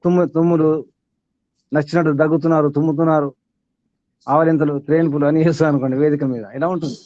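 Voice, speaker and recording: A man's voice: on the high side, little pitch movement, rapid-fire, no echo. Guy leading a spiritual talk, keeps asking the room questions, lists stuff out, kinda muffled dry sound. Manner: questioning listeners, long lists. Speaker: spiritual teacher. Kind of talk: teaching sermon to a small group.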